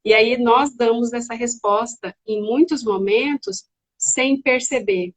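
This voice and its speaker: Animated Brazilian woman, fairly high voice. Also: measured pace, rough recording. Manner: animated, acts out children's voices. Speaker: psychiatrist. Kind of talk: casual educational chat.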